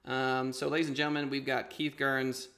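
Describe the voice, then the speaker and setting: Male interview host, mid-range pitch with plenty of vocal fry, casual, halting, informal storytelling style. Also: flat delivery, fairly bright tone. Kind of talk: casual conversational storytelling and hosting.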